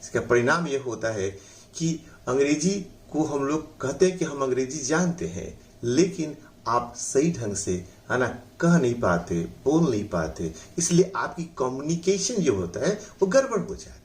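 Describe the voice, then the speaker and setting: Slow, animated Bihari man teaching pronunciation. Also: medium pitch. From India. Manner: drills words slowly syllable by syllable, repeating them; uses the filler "है ना". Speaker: English teacher. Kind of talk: pronunciation lesson.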